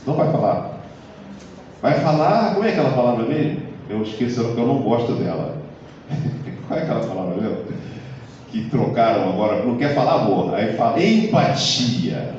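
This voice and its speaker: A man lectures in a casual, conversational way, often checking in with his listeners through tag questions. His voice is mellow and dark, heard from a distance. The hall is very echoey and the sound is dull. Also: mid-range voice, slight background noise. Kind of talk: live lecture to an audience. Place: lecture hall of a community center.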